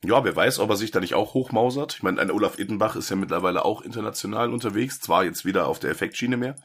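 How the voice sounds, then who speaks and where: With a fairly low, fairly bright voice carrying a breathy edge, a man talks quickly as he hosts his horror movie podcast through a cold. He's chatty and joking, constantly using fillers and starting over.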